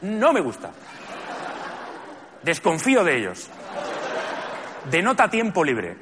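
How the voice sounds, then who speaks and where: A man from Spain doing a stand-up monologue on a theatre stage, speaking in a deadpan way and acting out the people he quotes. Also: a little high, slow pace. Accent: Spanish. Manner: deadpan, lists grievances, acts out quoted people. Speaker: stand-up comedian. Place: theatre stage with live audience. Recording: stage mic with audience laughter and noise.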